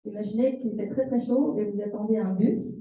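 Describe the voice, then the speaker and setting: This woman, medium in pitch and steady in tone, interprets a seminar phrase by phrase at a fairly quick pace. She brings the speaker's examples across expressively, with some self-corrections, and the room sounds spacious and somewhat dull.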